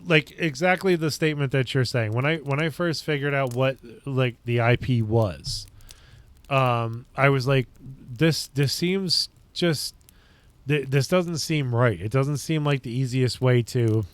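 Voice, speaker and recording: A man's voice: medium pitch, a little slow, smooth. A man from upstate New York hosting a casual livestream, chatting with viewers and thinking aloud in loose, rambling sentences. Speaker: livestream host.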